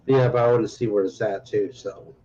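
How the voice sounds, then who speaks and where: A man playing a tabletop game, thinking his moves out loud and a little unsure. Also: lowish voice, fairly even intonation, brisk, lo-fi sound. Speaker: player. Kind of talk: casual tabletop game chat.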